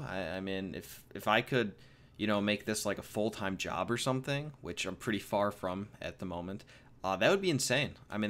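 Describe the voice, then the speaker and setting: Speaking in a lowish, slightly bright voice, a 21-year-old man from the United States answers questions from viewers. It's a casual Q&A vlog, and he rambles and cracks jokes, filling gaps and repeating himself.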